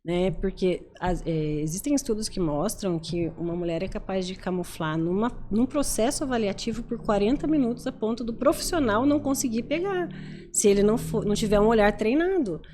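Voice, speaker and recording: Mellow-voiced lively woman guest. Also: mid-range voice, brisk, slight background noise. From Rio de Janeiro, Brazil. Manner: lively, talkative, self-deprecating. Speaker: pediatrician guest. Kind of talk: podcast conversation. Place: conference podcast set.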